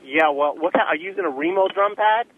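A man's voice: high voice, fast, crowd noise. Scornful male caller on a car phone. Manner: blunt, scornful, grilling with questions. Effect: heard over a telephone line from a car. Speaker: radio caller, trained percussionist. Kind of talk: combative call-in argument. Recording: narrow phone line with faint hiss.

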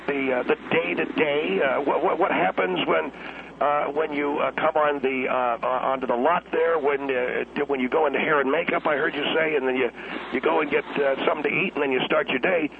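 A man talk radio host heard over a crackly cordless phone line, needling his guest in halting, restarting speech. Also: on the high side, vocal fry. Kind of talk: on-air radio banter.

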